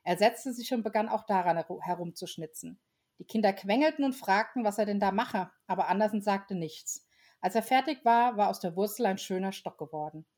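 Female storyteller, relaxed read-aloud, mid-range voice, casual slips. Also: mid-range voice, a little fast. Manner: relaxed, with small slips and restarts. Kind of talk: reading a children's story aloud.

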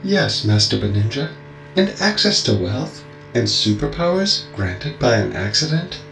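A man's voice: mid-range voice, sing-song, unhurried, creaky, a bit bright, roomy sound, soft background music, voice pushed up, full character voice, low-quality recording. A man voicing a courteous, formal male robot butler in a storybook reading. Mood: polite. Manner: courteous, formal, addresses master dutifully. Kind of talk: audiobook character voice.

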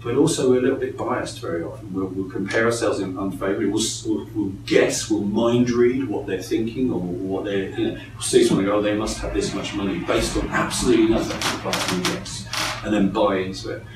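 A man leading a live coaching training for a group, lively and engaging, often acting out voices. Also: fairly low pitch, fairly quick, noisy background. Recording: echoey room from a distance.

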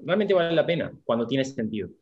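Husky man, lively advice. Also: mid-range voice, fast. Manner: animated, acts out advice in quoted speech. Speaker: guest, business coach. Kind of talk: casual podcast conversation. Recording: dull lo-fi sound.

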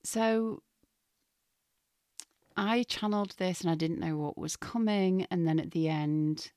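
A low-voiced woman speaks slowly and gently, her voice still recovering and now and then falling to a whisper. It sounds dry and close, with no room around it. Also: dry recording. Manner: soft, slow and gentle, drifting into whispers. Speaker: spiritual podcast host. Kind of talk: casual spiritual podcast talk.

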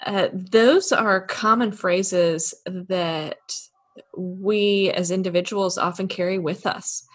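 A woman counselor explaining ideas on a podcast in a measured, patient way. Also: lowish voice, steady tone. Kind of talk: explaining in casual discussion.

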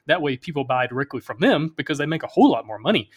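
A man's voice: a little high, animated, rapid-fire, slightly rough. A man hosting an interview, asking friendly questions in a casual style.

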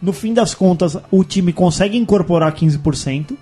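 Male podcast host, Brazilian Portuguese accent, blunt and slangy, high husky voice. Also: moderate pace, warm tone, faint music behind. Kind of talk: casual chat.

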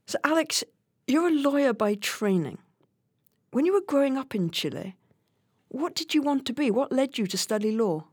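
Woman podcast host, measured questions, dry close sound. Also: sits high, lively intonation, slightly rough, dry recording. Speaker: podcast host, program director. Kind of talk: podcast interview.

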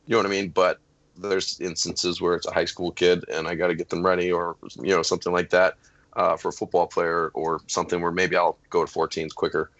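Man, deep voice, hoarse from losing his voice, filler-heavy, dry recording. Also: flat delivery, brisk, fairly bright tone, no room sound, highs cut off. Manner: rambling, many fillers. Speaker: strength coach, panel guest. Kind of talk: casual panel discussion.

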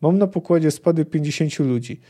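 A man's voice: fairly high pitch, fairly quick, dark tone, close to an everyday voice. A man reading a battered, spiteful spy.

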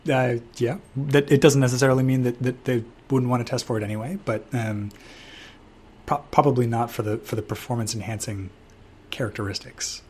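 A man's voice: mid-range voice, fairly even intonation, fairly quick, darkish tone, slightly rough. A man co-hosting a casual gaming talk show, speaking hesitantly with frequent restarts and fillers. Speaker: podcast co-host. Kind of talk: casual chat.

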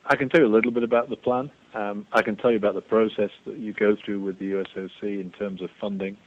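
A man answering interview questions as a sports executive, explaining in a measured way and repeating phrases as he goes. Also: fairly low pitch, fairly even intonation. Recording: dull radio sound with faint hiss.

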